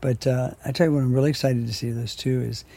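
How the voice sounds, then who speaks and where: A man's voice: mid-range voice, steady tone, fast talker, creaky, warm tone. A man co-hosting a casual political chat show, joking and often trailing off mid-sentence. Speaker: co-host.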